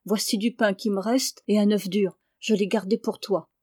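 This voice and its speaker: Woman reading a gentle earnest farm boy. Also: medium pitch, steady tone, moderate pace, husky, dry recording, studio quality, lightly acted. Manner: gentle, respectful. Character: kind earnest peasant boy, brother.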